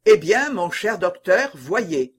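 An eager, gracious prince, as a male audiobook reader puts him on, fussing solicitously over a wounded man. His voice is high, husky and slow. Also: big pitch swings, full character voice. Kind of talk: audiobook novel reading.

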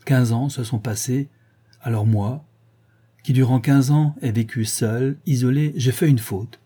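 A man's voice: medium pitch, a little slow, dark tone, husky. A man reading the part of a proud English major, pleading in an impassioned, declamatory way. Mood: anguished.

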